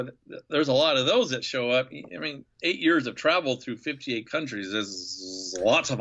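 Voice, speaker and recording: A man in his fifties from Nebraska, a podcast guest telling a travel story with animated enthusiasm. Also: medium pitch, dull audio. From Nebraska, USA. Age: 50s. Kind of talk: storytelling interview.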